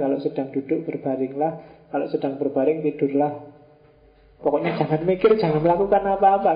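A man's voice: sits high, creaky. A man giving a casual philosophy lecture, chatty and joking, with rhetorical questions. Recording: roomy, dull lo-fi lecture recording.

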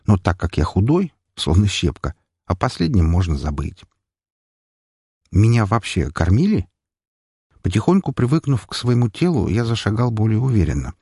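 A male audiobook narrator with a low, husky voice that moves up and down a lot as he reads. The sound is dry and close, with no room echo. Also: very animated, moderate pace, mellow.

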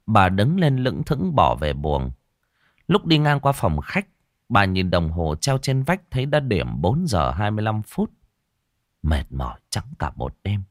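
A man's voice: lowish voice, dry recording, studio quality. A man narrating a scripted ghost story in a dramatic, suspenseful way.

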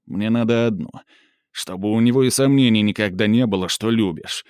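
A man's voice: on the low side, fairly quick, darkish tone, clean tone, no room sound, clean studio sound, lightly acted. A man voicing a stern, domineering young man who scolds and commands harshly. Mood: angry.

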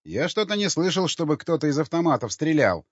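A man's voice: a little high, big pitch swings, fairly quick, no room sound, pitched above the performer's own voice. A man voicing a stern camp elder who questions strangers in a commanding tone. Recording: dull lo-fi dry recording.

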